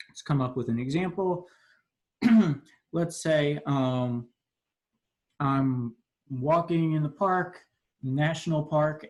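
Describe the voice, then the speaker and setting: A young man, a law student, explaining contract law in an informal video lesson, talking casually with frequent fillers and restarts. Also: fairly high pitch. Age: young adult.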